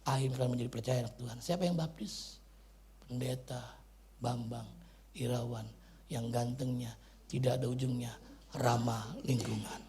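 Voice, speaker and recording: A man, preaching a joking sermon into a wireless mic, dropping to quiet asides and then shouting. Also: mid-range voice, fairly even intonation, moderate pace, creaky, pauses often. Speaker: pastor. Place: church hall. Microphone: wireless handheld mic.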